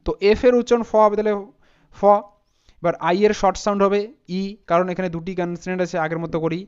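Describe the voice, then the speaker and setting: High, smooth-voiced man teaching pronunciation. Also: fairly even intonation, fast, dull audio. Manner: patient, spells words out letter by letter. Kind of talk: spoken lesson.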